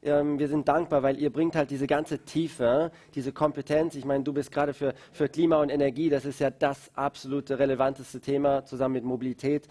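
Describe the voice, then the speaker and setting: A man's voice: medium pitch, little pitch movement, a little fast, hardly any pauses, dark tone. A man hosting a live-streamed festival talk, hesitant and full of fillers. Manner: hesitant, many fillers, switches between German and English. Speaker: festival co-founder and host.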